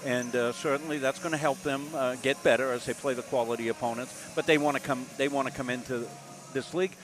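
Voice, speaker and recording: An older man from Massachusetts calls a college basketball game from courtside. His talk is folksy and rambling, full of filler words, in a mid-range voice. Music plays clearly in the background. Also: medium pitch, steady tone, fairly quick. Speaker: play-by-play announcer. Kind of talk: live basketball commentary.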